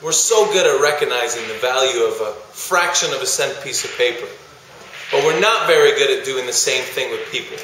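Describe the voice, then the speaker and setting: A man's voice: medium pitch, brisk, noisy background. A man, a speaker to student groups, telling a story in a vlog monologue and acting out how his audience reacts. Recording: very echoey room.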